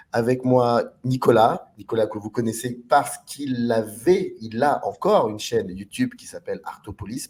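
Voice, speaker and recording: Male host, low and warm-toned, casual and halting, introducing guests and films between many restarts. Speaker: host of a film discussion show.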